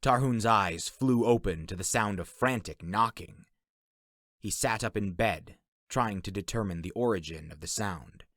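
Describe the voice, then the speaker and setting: A man narrating a fantasy adventure story in an expressive storybook style. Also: lowish voice, a little slow, no room sound, clean studio sound. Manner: expressive, voices all characters.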